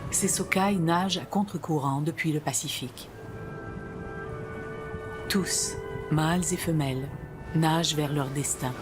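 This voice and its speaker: A woman's voice: low voice, unhurried, pauses often. A woman reading scripted nature documentary narration. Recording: music behind the voice. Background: background music.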